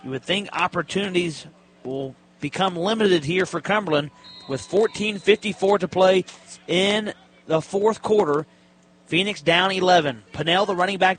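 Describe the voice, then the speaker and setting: A man with a high, fairly bright voice calls live football on the radio at a normal pace, using clipped, descriptive phrases. It's a live broadcast, with stadium ambience and faint noise behind him.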